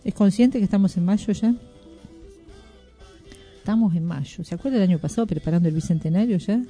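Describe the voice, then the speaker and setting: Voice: mid-range voice, brisk, dark tone, soft background music. A radio host chatting casually and joking with a co-host at the end of a show.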